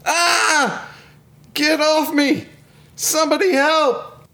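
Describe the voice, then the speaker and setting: A small, eager young robot, as a man puts him on, high-pitched and excitable with a lively, bouncing voice. He speaks unhurriedly, in a comic script table read. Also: a little slow, heavily acted. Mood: panicked.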